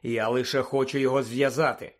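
A man reading an audiobook, voicing a calm, grave male wizard who speaks quietly and evenly. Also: mid-range voice, close to an everyday voice. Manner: quiet, measured.

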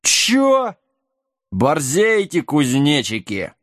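A man voicing a huge, dim-witted, brash giant with a hoarse, hollow voice and a loutish, touchy manner. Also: a little high, huge pitch swings, extremely slow, fairly bright tone, no room sound, clean studio sound, heavily acted.

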